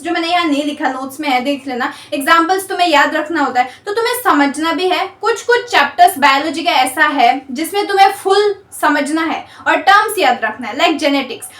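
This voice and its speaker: A woman's voice: sits high, a bit bright, echoey room, recorded from a distance. A woman teacher reassuring her students in a casual way about their exams and how to study. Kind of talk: encouraging talk to students.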